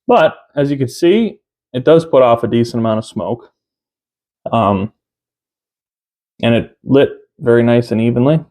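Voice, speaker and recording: Man in his thirties, halting casual reviewer. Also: mid-range voice, animated, warm tone. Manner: halting, unhurried, pausing often mid-sentence. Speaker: tobacco reviewer. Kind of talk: casual review chat to camera. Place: small room at home, indoors.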